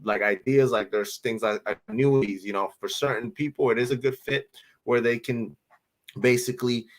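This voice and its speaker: A man in his thirties from the Dominican Republic, talking casually as a guest financial advisor. His speech is relaxed and loose. He restarts and repeats words as he thinks and keeps checking in with "right?". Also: medium pitch, moderate pace, poor audio. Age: 30s. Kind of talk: casual interview talk.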